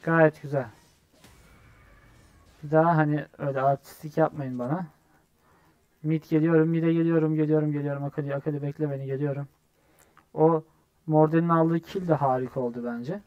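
A young man talks through his match live, his voice sitting a bit high for a man. He flips between muttering and excited shouting at his teammates, and swears when frustrated. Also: brisk, pauses often, no echo, lo-fi sound. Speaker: gamer streamer. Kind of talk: live gameplay commentary.

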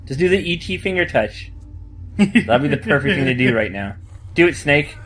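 A man's voice: a little high, big pitch swings, normal speed, fairly bright tone, breathy edge. A man co-commentating on a let's play in a playful, casual, joking way. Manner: playful, jokey. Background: game music.

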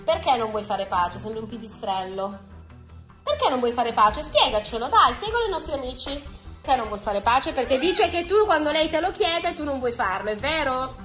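A woman's voice: high voice, lively intonation, normal speed, a bit bright. A woman hosting a family vlog who talks to her children, coaxing and affectionate but firm when she scolds. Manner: firm, scolding parental tone at times. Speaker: mother and vlog host. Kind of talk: casual family vlog talk. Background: background music.

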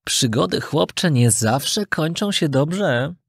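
A storyteller voicing a wise talking cricket who lectures in a calm, admonishing way. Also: medium pitch, takes it slowly, creaky, husky, no room sound, clean studio sound, heavily acted. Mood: stern. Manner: preachy, admonishing.

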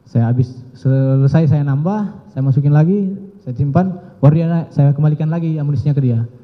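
Guy testifying in court, halting and deferential, kinda high voice, echoey dull recording. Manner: halting and deferential, often addressing the judge with an honorific.

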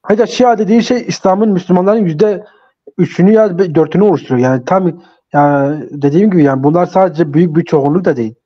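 Muffled, lo-fi call audio carries a man taking part in a live debate. His voice is relaxed and dark in tone. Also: sits high, quick pace. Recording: dull, lo-fi online call audio.

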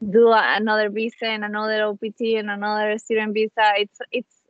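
Here the young Chilean actress talks briskly, her medium-pitched voice showing little pitch movement. She is a guest in a casual video-call chat from a small room at home, speaking English as a second language with a Chilean Spanish accent and often restarting phrases as she hunts for words. Wireless earbuds yield dull, lo-fi call audio.

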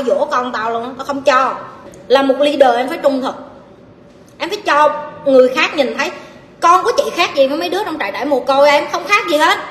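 A high-pitched woman with a Southern Vietnamese accent delivers blunt, scolding advice to her audience, talking straight at them with no softening. Her voice rings out in an echoey hall with a long tail, and a faint hiss of background noise sits underneath. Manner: blunt, forceful, scolding lecture with coarse address. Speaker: life coach answering audience questions. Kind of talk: livestream Q&A advice talk.

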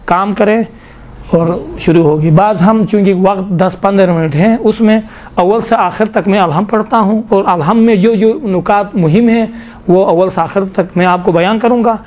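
Man, high pitch, tajweed teacher, classroom recitation lesson, slow drawn-out sounds, asks questions. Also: darkish tone. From Pakistan.

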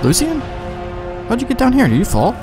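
A let's play gamer gives casual, rambling commentary full of slang and swearing, with game music in the background. His voice is very high, its pitch swooping wildly, and he talks a little fast.

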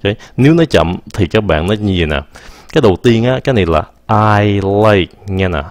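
A man, teaching English in a casual, patient lesson and repeating example phrases slowly. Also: lowish voice, lively intonation, a little mellow, dry recording.

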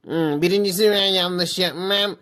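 A man's voice: sits high, steady tone, unhurried. A man performing a playful improvised comedy skit, questioning in a domineering way. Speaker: streamer doing impressions in a comedy skit.

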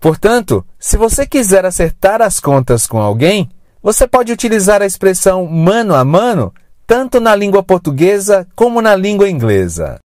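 An English teacher narrating a scripted lesson, modelling words slowly and clearly. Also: medium pitch, sing-song, darkish tone, dry recording, clean studio sound. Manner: slow, clear, drawn-out word modelling.

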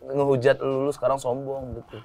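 A man's voice: medium pitch, level tone, brisk, vocal fry, crowd noise. A man hosting a casual chat, teasing his guests and probing them with questions. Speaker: host. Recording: audience noise behind.

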